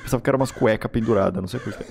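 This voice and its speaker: A man's voice: on the low side, very fast, creaky, darkish tone, a little hiss or hum. A man with a Brazilian accent giving casual, slangy let's-play commentary as a gaming host, reacting and swearing as he goes.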